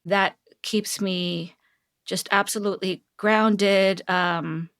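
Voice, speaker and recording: A heavily pregnant tech executive from South Korea, in her thirties, speaks earnestly and reflectively as a guest on a podcast interview, laughing lightly and often. Her voice is medium-pitched, steady, slow, fairly bright, and smooth.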